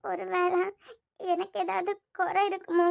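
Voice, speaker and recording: A woman's voice: very high voice, flat delivery, measured pace, vocal fry, exaggerated voice. A woman voicing an anxious young wife in a cartoon, speaking in a plaintive, hesitant way with a Kanyakumari Tamil accent. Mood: troubled. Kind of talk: cartoon voice acting.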